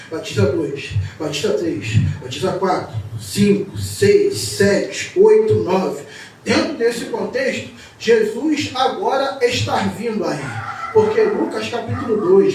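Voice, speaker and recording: A Brazilian Portuguese-accented man preaches a fervent Pentecostal sermon from the altar, his unusually high voice climbing into shouted cries of praise. His voice rings through a very echoey church, caught from some distance away with a faint hiss underneath. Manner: impassioned, building to shouted exclamations of praise.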